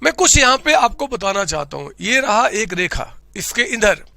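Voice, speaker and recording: A man's voice: high voice, very animated, normal speed, vocal fry, bright, forceful tone, no echo. A man teaching accounting in a playful, boastful style, asking again and again whether the class understands. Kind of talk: humorous classroom lecture.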